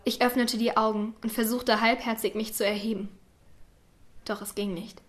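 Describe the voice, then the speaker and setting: A woman reading a first-person story aloud in a quiet, subdued way, sometimes dropping to a whisper. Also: on the high side, flat delivery, normal speed. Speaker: narrator.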